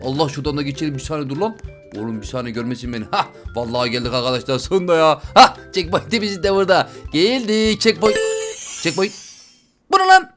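Excitable high-voiced man narrating a game. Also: fast, faint music behind. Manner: excitable, exclaims and jokes to viewers. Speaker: gaming channel host. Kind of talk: let's play game commentary.

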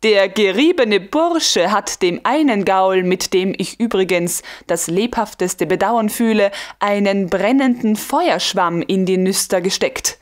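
A woman reading the lines of a smug, carefree young male guard lieutenant in an audiobook, calm and teasing. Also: high voice, unhurried, hardly any pauses. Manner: calm, self-satisfied, teasing. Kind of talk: audiobook dialogue.

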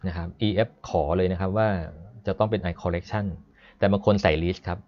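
A man teaching a live online programming class, chatty and explanatory, stopping to read code aloud slowly. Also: low-pitched, fairly even intonation, darkish tone. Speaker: programming instructor. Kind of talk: live-streamed coding lesson. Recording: dull lo-fi stream audio.

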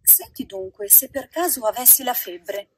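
A woman voicing a rash, frightened wooden puppet boy in a storybook reading, wailing and pleading in loud outbursts. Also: extremely high pitch, animated, normal speed, husky, no echo, full character voice. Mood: worried.

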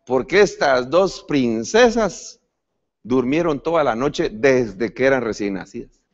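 A male pastor preaching a sermon, speaking to the congregation as brother and often repeating and restarting words as he goes. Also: unhurried. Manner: lively pitch swings, rising to sudden emphatic peaks. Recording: dull lo-fi church recording.

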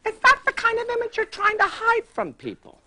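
A prissy, oblivious celebrity interviewer, gushing in a bright, sharp voice that swoops wildly from low murmurs to shrill squeals. A fussy, pompous middle-aged host on a TV talk show set. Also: male voice, big pitch swings, a little fast, full character voice. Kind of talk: improvised comic interview.

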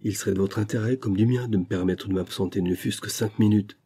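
A man's voice: on the low side, steady tone, fast talker, mellow, slightly rough. A man reading aloud plays a proud young man who answers his accusing father with cold defiance. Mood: defiant.

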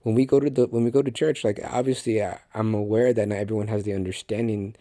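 Low mellow-voiced male podcast teacher. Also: little pitch movement, fast talker, dry recording, studio quality. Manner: conversational and earnest, many restarts, addresses the listener directly. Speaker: podcast host and Bible teacher. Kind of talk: casual faith podcast teaching.

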